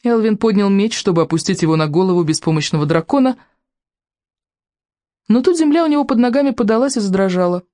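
A man narrating an adventure audiobook with a lively, dramatic reading. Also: high-pitched, fast, dry recording, studio quality. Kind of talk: expressive storybook narration.

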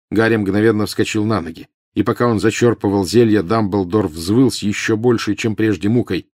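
A man reading scripted audiobook narration in a steady, measured way. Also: sits low, no echo, studio quality.

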